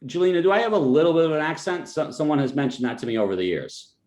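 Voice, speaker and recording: Talking very fast in an expressive, rather high voice with a slightly mellow quality, this New Jersey-accented man from New Jersey runs a client webinar as a financial advisor. He keeps things conversational, tossing in joking asides and frequently starting over. The audio has a roomy feel.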